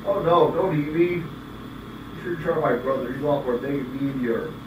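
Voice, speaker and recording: A man's voice: medium pitch, normal speed, natural voice. A man voicing a timid, pleading billy goat in amateur puppet storytelling. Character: timid pleading billy goat, shifting blame to his brother. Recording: echoey room, distant mic, steady hiss.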